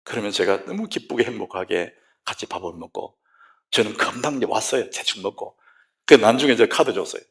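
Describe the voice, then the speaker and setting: A middle-aged man, a pastor, preaching a sermon in a church, moving between hushed whispers and loud exclamations. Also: lowish voice, expressive, a little fast. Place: church sanctuary.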